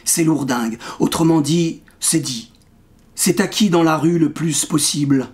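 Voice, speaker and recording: A poet reading his own poem aloud with a measured, rhythmic delivery. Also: a little high, a little mellow. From France. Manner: measured, rhythmic recitation with wordplay. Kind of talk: poetry reading.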